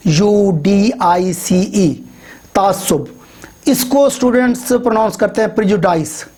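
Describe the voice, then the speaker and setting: Middle-aged male teacher spelling words slowly. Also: sits high, darkish tone. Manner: slow letter-by-letter spelling, frequent hesitant "uh" fillers. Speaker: English teacher. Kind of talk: video lecture on pronunciation.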